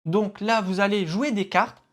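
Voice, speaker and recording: Man calmly explaining game rules. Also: sits high, measured pace. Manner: explanatory, steady, with hesitations. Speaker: board game show co-host.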